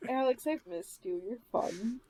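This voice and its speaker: A woman's voice: on the high side, unhurried, a crowd in the background, poor audio. A woman co-hosting a podcast in a Wisconsin accent, chatting casually in a giggly, self-mocking way. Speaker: podcast co-host. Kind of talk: casual chat.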